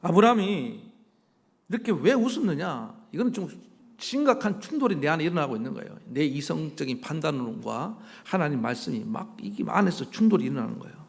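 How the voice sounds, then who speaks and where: Pastor guy giving a sermon in church, fairly high voice with lots of gravel, keeps asking the room questions. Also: fairly quick, big-room sound. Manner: animated preaching, acting out quoted voices, rhetorical questions. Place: church sanctuary.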